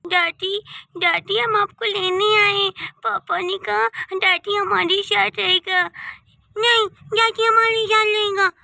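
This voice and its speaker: A woman's voice: extremely high pitch, fairly even intonation, takes it slowly, vocal fry, pushed and bright, no echo, clean studio sound, heavily acted. A woman voicing small grandchildren in a cartoon story, whiny and insistent. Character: small grandchildren, squabbling and eager. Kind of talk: cartoon voice acting.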